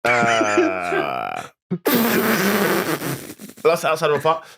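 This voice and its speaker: Guy in his 30s, bright voice, laughs a lot, jokey podcast chat. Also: on the low side, huge pitch swings, very slow, vocal fry. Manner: laughing, self-mocking storytelling. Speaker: podcast co-host, comedian. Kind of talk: casual chat.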